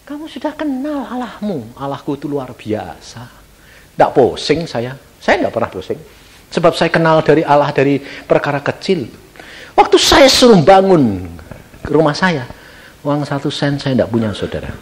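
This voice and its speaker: A man preaching with a Javanese accent, acting out little scenes and swinging between loud outbursts and hushed asides. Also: on the high side, wildly swooping pitch, moderate pace. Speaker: pastor. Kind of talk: sermon.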